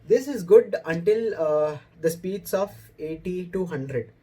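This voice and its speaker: Recorded indoors, a young man with an Indian accent talks to camera about motorcycles, keeping his explanations relaxed and informal. His high voice is mellow with a breathy edge, and he speaks slowly.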